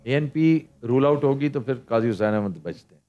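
Animated middle-aged male quiz host. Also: medium pitch, muffled recording, soft background music. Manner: animated, quick questioning. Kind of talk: TV quiz banter. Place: TV studio set, indoors.

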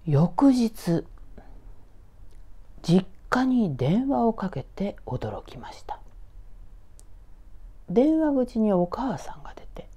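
Brief: woman ghost-story teller from Tokyo, unhurried and low-key, dark tone, frequent whispers. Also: big pitch swings, husky. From Tokyo, Japan. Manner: slow and hushed, often dropping to a whisper. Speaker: ghost story author and narrator.

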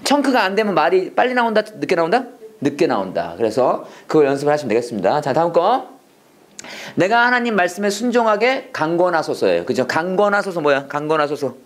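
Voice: medium pitch, very animated, quick pace. A Korean speaker teaching English prayer phrases to a class, drilling lines and having students repeat. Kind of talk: classroom lesson, call and response drills.

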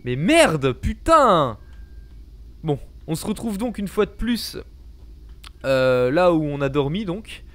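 A man's voice: a little high, very animated, slow, pauses often. A young man commentating a horror game in a panicky, jumpy, sweary manner, close to a desk microphone. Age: young adult. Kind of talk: excited gameplay commentary. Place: small home gaming room, indoors. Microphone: close desk microphone, headset on.

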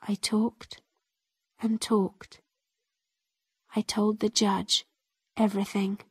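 A woman narrating an easy-level story in the first person, reading slowly and carefully. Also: medium pitch, level tone, husky, no room sound, clean studio sound. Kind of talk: slow graded-reader story narration.

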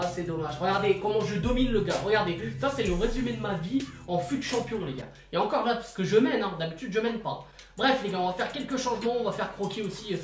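A man commentating his own football video game match in casual slang, excitable and bursting into shouts at big moments. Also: sits high. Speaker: gaming YouTuber. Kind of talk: live gameplay commentary. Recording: roomy, distant mic, music behind.

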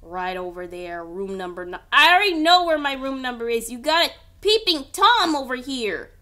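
A woman gives running commentary over a horror game. Her voice is crisp and bright, sitting a little higher than most. She chats and scolds her character out loud, and at tense moments she drops into a whisper. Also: big pitch swings, normal speed. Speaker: gaming channel host.

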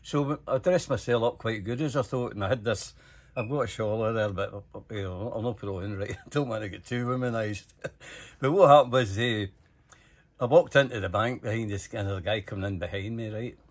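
An older Scottish man with a lowish voice tells casual anecdotes at a fairly quick clip. He's animated and swears freely, acting out the dialogue as he goes.

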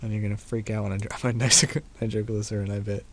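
A man's voice: on the low side, flat delivery, fast. A young man giving casual, profane gameplay commentary at his computer, laid-back and laughing often. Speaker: gaming video host.

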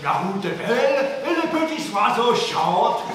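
Excitable Swiss-accented man, very high and bright-voiced, recorded at a distance in a roomy space. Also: measured pace, exaggerated voice. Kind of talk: film acting. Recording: echoey, distant film sound, faint noise.

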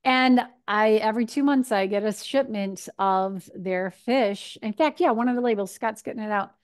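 A woman's voice: mid-range voice, moderate pace. Chatty woman nutrition speaker on video call. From Michigan. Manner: chatty and animated, gesturing, acts out her own thoughts. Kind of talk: casual Q&A over video call. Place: home kitchen. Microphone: video call webcam.

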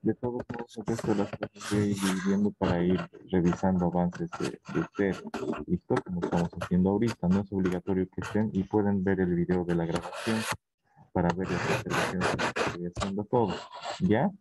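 A man's voice: low voice, steady tone, a little fast. A man teaching a university class online, explaining plans and checking in with the students often. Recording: noisy class recording.

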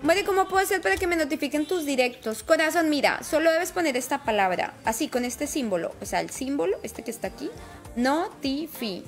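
A woman's voice: high-pitched, expressive, fast, hardly any pauses, soft background music. A woman live-streaming a game in casual chat, affectionate and talkative, greeting viewers by name.

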